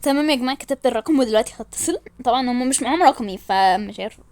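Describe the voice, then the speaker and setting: Chatty high-voiced Egyptian woman vlogger. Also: expressive, rapid-fire, darkish tone, dry recording. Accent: Egyptian Arabic. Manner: chatty, addresses viewers as a group. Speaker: prank vlogger. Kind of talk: casual chat to viewers.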